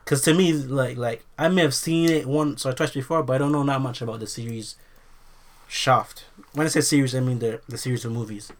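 A man hosts a film podcast. His voice sits at a middling pitch, and he speaks informally, as if chatting with mates. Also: fairly even intonation, fairly quick. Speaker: podcast host. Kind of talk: casual film chat.

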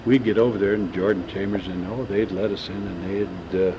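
On a lo-fi tape thick with hiss, a man in his seventies reminisces in a casual oral-history interview inside a large banquet room. His voice sits low and steady and moves a little fast, and he rambles, often stalling while he hunts for names.

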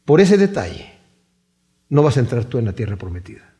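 Un predicador que da voz a Dios como un padre sereno que corrige con suavidad. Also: male voice, mid-range voice, very animated, brisk, dark tone, voice pushed down. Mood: calm rebuke. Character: the Lord, calm gently correcting father.

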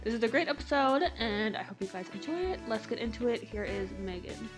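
A woman's voice: on the high side, a little fast. A woman hosting a podcast introduction, lisping slightly and talking with a sore, post-surgery jaw over faint music. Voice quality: slight lisp from a piece of plastic in the mouth. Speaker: podcast host.

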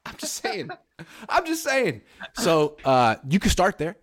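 Thirties male co-host, emphatic, wry sports banter with a lively, swinging pitch. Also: a little slow. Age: 30s. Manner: emphatic, wry, quotes people in mock voices. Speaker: podcast co-host. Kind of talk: casual sports talk.

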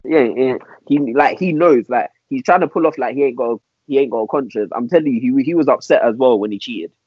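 Husky young London roadman, emphatic and slangy. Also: mid-range voice, brisk, no room sound, lo-fi sound. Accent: London roadman, urban slang. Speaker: podcast panellist answering listener dilemmas. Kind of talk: animated casual group discussion.

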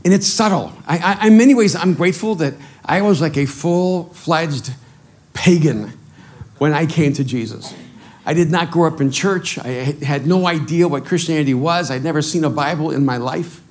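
A native Spanish speaker from El Salvador, this middle-aged pastor preaches with lively energy and pokes fun at himself, often repeating words as he restarts. He talks at a moderate pace, his voice slightly high.

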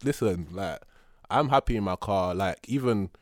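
A young man with a deep voice and a London roadman accent, recorded close and dry. He chats in loose street slang like a podcast co-host bantering with a friend. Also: moderate pace, no echo. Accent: London, urban roadman. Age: young adult. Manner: slangy, bantering, addressing listener as bro. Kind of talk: casual podcast chat.

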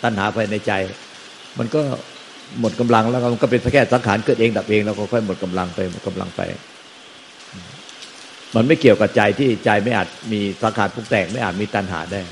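A man, a Buddhist monk, calmly explaining teaching in a Dharma conversation. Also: lowish voice, brisk, a little hiss or hum, poor audio. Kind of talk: Dharma talk.

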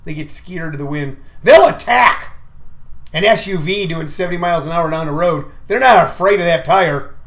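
A man with a slightly high voice delivers a rambling comedic monologue. He is folksy and emphatic, often repeating a phrase for effect as he hosts and plugs shows. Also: normal speed, a bit bright. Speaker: comedian and show promoter hosting his own talk. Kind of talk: rambling monologue with comic asides and show plugs.

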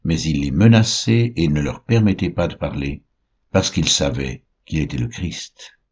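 Low husky man reading scripture. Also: darkish tone. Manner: slow, measured. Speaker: Bible reader. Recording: dull lo-fi recording.

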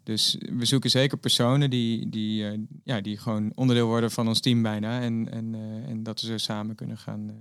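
A man, the founder and CEO of a company, answering interview questions earnestly with frequent pauses. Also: on the low side, level tone, no room sound, clean studio sound. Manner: earnest, lots of filler pauses.

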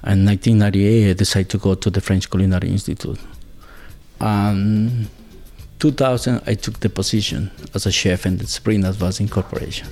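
Gravelly low-voiced Ecuadorian man. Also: fairly even intonation, a little mellow, soft background music. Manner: halting, searching for words, second-language English. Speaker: guest, builder and former chef. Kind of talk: conversational interview.

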